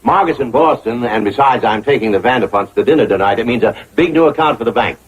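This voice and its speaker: An actor playing a flustered, pompous banker with a sputtering way of talking. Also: male voice, mid-range voice, quick pace, husky, lo-fi sound, lightly acted.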